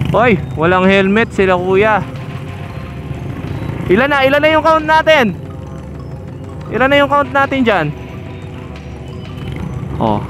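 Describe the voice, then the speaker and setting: Guy motovlogging, highish voice, chatty n teachy, music going behind, road noise from helmet cam. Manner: chatty, instructive, points out riders. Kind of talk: casual commentary while riding. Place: outdoors on a moving motorcycle on a road. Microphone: helmet-mounted action camera.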